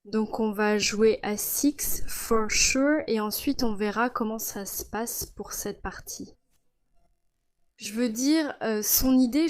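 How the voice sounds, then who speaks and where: A woman from Morocco comments on her chess game slowly and playfully, with a slightly high voice. She jokes between moves, and the sound is dry and close. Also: no room sound. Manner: playful, joking. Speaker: chess champion guest.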